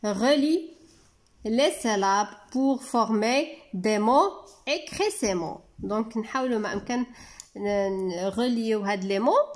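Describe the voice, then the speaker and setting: A woman teaching a children's French lesson, slowly sounding out and repeating words syllable by syllable. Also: on the high side. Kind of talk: slow French lesson for young children, explained in Arabic.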